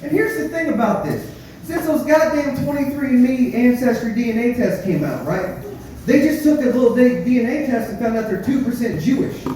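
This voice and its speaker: A man performing live stand-up comedy, telling crude, profane, dark-humored stories in a conversational way straight to the crowd. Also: extremely high pitch, lively intonation, a little fast. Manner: conversational storytelling, addresses the crowd directly. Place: live comedy show with audience, echoey room. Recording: echoey room, distant mic, audience noise.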